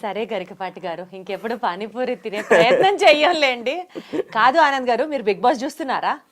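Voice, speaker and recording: A woman's voice: on the high side, lively intonation, a little fast. A woman hosting an interview, asking questions in a playful, chatty way. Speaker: interview host. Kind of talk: casual interview chat.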